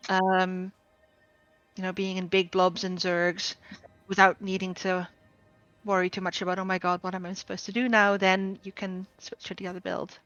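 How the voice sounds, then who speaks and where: A woman runs a training session over group voice chat and explains each choice step by step, filling pauses with ums. Her voice is of middling pitch and comes through a dull, lo-fi mic with no room sound. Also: monotone, fairly bright tone, no room sound, soft background music. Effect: group voice chat audio. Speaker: guild trainer. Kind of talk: game build tutorial.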